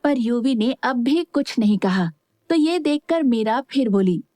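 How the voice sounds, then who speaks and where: A woman narrating a scripted audio story in a calm, even storytelling manner. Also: fairly high pitch, a little slow, dry recording, clean studio sound.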